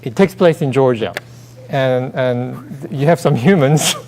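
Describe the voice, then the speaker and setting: A man's voice: medium pitch, measured pace, darkish tone, slight background noise. A man co-hosting a casual chat show, hesitant and full of fillers and restarts. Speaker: co-host. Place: theater stage. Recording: long reverb of a theater hall.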